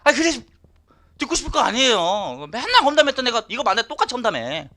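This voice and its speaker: Animated, joking male seminar presenter. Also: extremely high pitch, fast talker. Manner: animated and joking, acts out quoted dialogue with loud bursts. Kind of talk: lively seminar talk to a live audience. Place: presentation room with a live audience.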